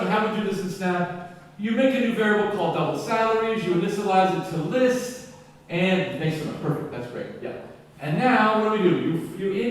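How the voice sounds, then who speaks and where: A man giving an enthusiastic, animated conference keynote, acting out classroom exchanges as he teaches. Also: high voice. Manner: animated, enthusiastic, acts out dialogue. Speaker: keynote speaker. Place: lecture hall. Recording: echoey hall from far off.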